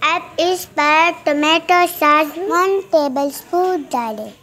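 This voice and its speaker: A young girl hosts a home cooking video, walking through a recipe step by step in a high, bright, forceful voice. She stumbles now and then, repeating words when she gets stuck.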